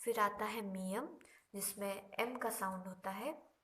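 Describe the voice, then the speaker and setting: Woman language teacher, slow patient explaining, drawn-out examples, unhurried lesson. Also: mid-range voice, bright, forceful tone, slight background noise. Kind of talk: Korean lesson explained in Hindi.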